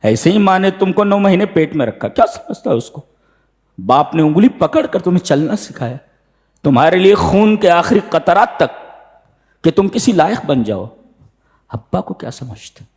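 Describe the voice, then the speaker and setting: A male preacher delivers a sermon, reciting Arabic verses before explaining each one. His voice is lively and swoops widely in pitch. The sound rings with a long reverb, as if in a big hall. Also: moderate pace. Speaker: preacher giving Quran commentary.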